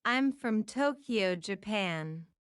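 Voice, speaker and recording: A woman at a mid pitch reads short practice phrases at an unhurried pace, repeating each one several times in an even, deliberate way. Her voice is smooth and clear, recorded dry and close with no room sound. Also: no echo. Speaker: English phrase reader. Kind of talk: slow read-aloud of practice phrases.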